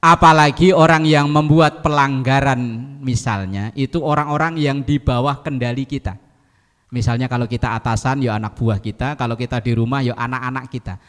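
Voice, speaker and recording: A man's voice: mid-range voice, normal speed, long reverb tail. A man giving a sermon to a congregation, telling jokey stories and acting out quotes. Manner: lively, jokey storytelling with acted quotes. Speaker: preacher.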